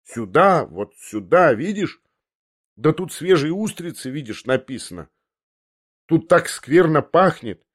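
A man's voice: fairly high pitch, sing-song, a little slow, pitched above the performer's own voice. A man reading an audiobook, voicing a spiteful, jittery young swindler who snaps impatiently. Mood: coaxing. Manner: snapping, impatient.

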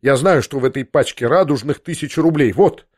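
A man reads out a proud young man on the edge of losing control, his words tumbling out breathless and shaky. His voice keeps a plain middle pitch but strains upward as he pushes his point. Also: a little fast, lightly acted. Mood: agitated. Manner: excited, breathless and pleading. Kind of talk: audiobook character reading.

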